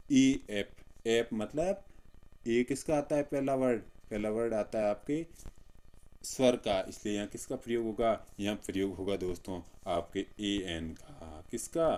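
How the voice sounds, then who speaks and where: A man's voice: on the low side, a little mellow. A male teacher giving an exam-prep grammar lesson, drilling points with repeated questions he answers himself.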